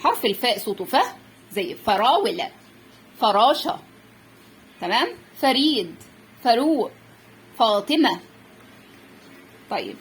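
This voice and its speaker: Egyptian woman teacher, lively voice. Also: fairly high pitch. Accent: Egyptian Arabic. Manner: clear, drawn-out letter sounds with frequent check-ins. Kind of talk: Arabic alphabet lesson for parents.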